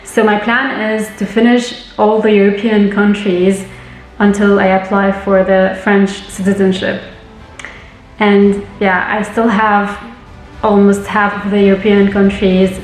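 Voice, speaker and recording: A woman's voice: medium pitch, level tone, unhurried, roomy sound, soft background music, poor audio. A young woman from Lebanon giving travel tips in a friendly, explanatory scripted vlog. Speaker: travel vlogger.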